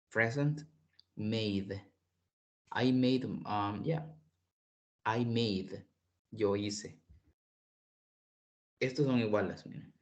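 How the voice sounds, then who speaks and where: Male tutor, unhurried delivery, patient repetition, online lesson. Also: lowish voice. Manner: explains slowly, switching between languages, repeating words for pronunciation. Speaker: English teacher.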